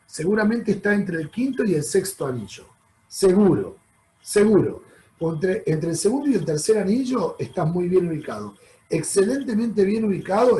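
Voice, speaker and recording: Chatty high-voiced Rioplatense Spanish man. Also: a little mellow, rough recording. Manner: chatty, addresses audience as "chicos"; explanatory, frequent "¿ok?" check-ins. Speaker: travel presenter. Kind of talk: slide-show travel talk.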